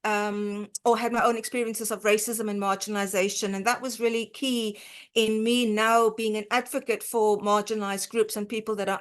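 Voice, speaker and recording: Lecturing online, this woman from South Africa, a dietitian, speaks with a mid-range voice and a South African accent. Her delivery is halting, full of fillers, pauses, and restarted sentences.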